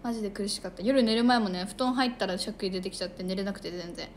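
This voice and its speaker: A woman's voice: mid-range voice, racing, a little hiss or hum. A young woman chatting casually on a livestream, reading viewer comments aloud. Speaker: idol livestreamer.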